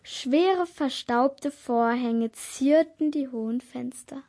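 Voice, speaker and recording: A woman narrating an audiobook in a hushed, suspenseful way, now and then dropping to a whisper. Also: high-pitched, takes it slowly.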